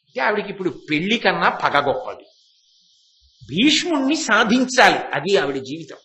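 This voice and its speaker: A man delivers a devotional sermon as a vivid story, breaking into slow chanted verses. His voice sits high and sounds sharp and bright. The room around him rings with echo. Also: big pitch swings. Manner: vivid retelling that acts out the characters' speech. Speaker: religious discourse speaker.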